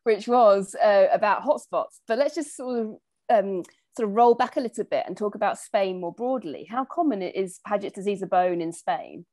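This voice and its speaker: A woman interviewing a doctor, chatty and self-deprecating, asking questions in a lively, friendly way. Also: medium pitch, moderate pace, dry recording, studio quality. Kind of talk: video call interview.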